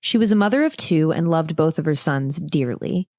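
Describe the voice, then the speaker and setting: A woman's voice: deep voice, lively intonation, moderate pace, a little mellow, dry recording, studio quality. Woman co-host telling a true-crime story. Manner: casual, jokey asides between scripted reading. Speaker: podcast co-host.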